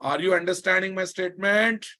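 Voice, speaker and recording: A man's voice: sits high, brisk, bright, forceful tone. A man with a Telugu Indian accent teaching a live online technical class as an instructor, repeating key phrases emphatically and often checking that students follow. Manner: emphatic repetition with frequent check questions to students. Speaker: programming instructor.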